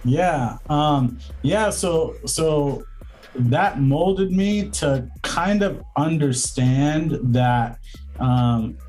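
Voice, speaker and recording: A man's voice: a little high, animated, drawn-out words, a little mellow, faint music behind, rough recording. A man speaking as a guest in a casual interview, reflective and rambling, with many fillers and restarts. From Southern California. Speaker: guest, lawyer and entrepreneur.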